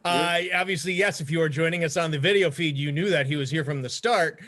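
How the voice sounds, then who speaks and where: A man's voice: fairly high pitch, fast talker, a bit bright. A man co-hosting a podcast in casual chat, jokey and full of fillers and restarts. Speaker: podcast co-host.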